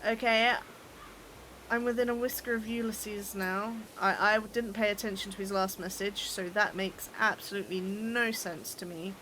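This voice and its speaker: A young British woman streaming a game and talking to her viewers in a relaxed, chatty way. Her voice sits at a middle pitch. A faint hum of background noise lingers under her desk microphone. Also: moderate pace. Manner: chatty, teasing, laughs often, stumbles and repeats words. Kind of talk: casual chat while gaming, reading chat.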